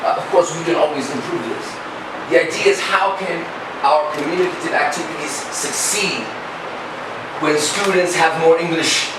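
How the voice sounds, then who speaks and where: A man's voice: a little high, moderate pace. A man giving a conference talk as an English teacher to teachers and students, explaining things and checking in with short questions. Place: large indoor room at a summit. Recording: echoey, noisy room, distant mic.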